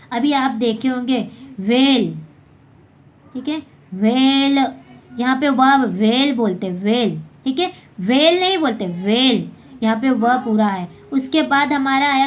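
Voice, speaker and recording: A woman's voice: a little high, highs cut off, a little hiss or hum. A woman teaching a basic Hindi lesson, explaining step by step and often correcting herself.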